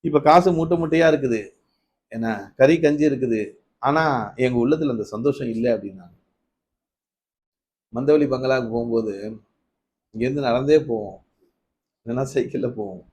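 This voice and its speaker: A man giving a Ramadan night sermon, telling stories, asking his listeners questions, rising to emphatic peaks and then dropping low. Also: normal speed, pauses often, darkish tone, slight background noise. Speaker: preacher.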